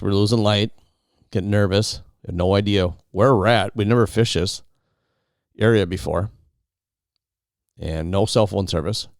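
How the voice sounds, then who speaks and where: A man's voice: on the low side, a little mellow, clean tone, no echo, studio quality. A man hosting a podcast, telling an outdoor survival story in a casual, rambling way, often restarting and repeating words. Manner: rambling, repeats and restarts words, quotes others in his own voice.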